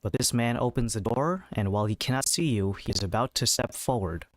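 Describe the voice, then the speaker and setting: A man narrating a tabletop game as game master, in a measured, descriptive way. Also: medium pitch, no echo.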